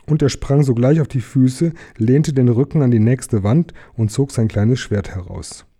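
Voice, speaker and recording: A man calmly reading a children's fantasy book aloud as narrator. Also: mid-range voice, moderate pace. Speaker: audiobook reader. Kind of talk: storybook narration.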